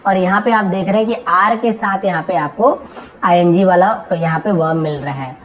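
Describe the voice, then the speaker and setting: A woman's voice: on the low side, rough recording. Woman tutoring English through Hindi. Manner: reads English slowly word by word, then explains in Hindi; checks understanding with frequent questions. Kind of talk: translation lesson.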